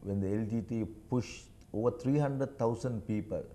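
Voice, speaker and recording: A man's voice: mid-range voice, moderate pace, warm tone. A man, a political commentator in a studio news interview, making his points insistently and checking agreement with "right?". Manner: emphatic, insistent, keeps asking "right?".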